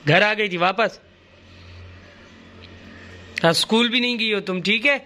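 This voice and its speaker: A man's voice: sits high, measured pace. Chatty man vlogging outdoors. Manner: chatty and teasing, joking banter. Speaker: family vlogger and father. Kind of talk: casual vlog narration. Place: outdoors on busy streets, moving about. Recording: loud street and vehicle noise.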